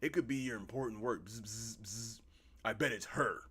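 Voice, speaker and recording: A man's voice: mid-range voice, fast, fairly bright tone, lightly acted. A man reading aloud the lines of a betrayed, heartbroken wife in a game, with a raised, emotional delivery. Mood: furious.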